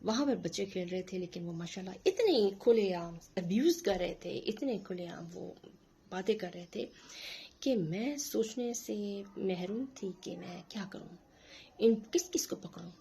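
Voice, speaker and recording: A middle-aged woman tells a story on her vlog in a slightly husky, mid-pitched voice. She is animated and indignant, and she acts out the lines of the people in her story. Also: normal speed. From Pakistan. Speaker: vlogger. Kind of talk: casual storytelling monologue.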